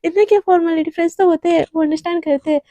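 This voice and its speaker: A woman's voice: extremely high pitch, steady tone, racing, dark tone, no echo, voice pushed up. A woman voicing a smitten young man who pleads and coaxes, told in a Hindi story. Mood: coaxing.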